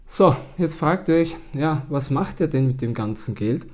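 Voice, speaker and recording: A board game channel host in his thirties, with an Austrian German accent and a cold, chats casually to camera from a small room at home. He is relaxed and talkative, sprinkling in plenty of "ja"s and "ähm"s, his voice slightly high at a normal pace.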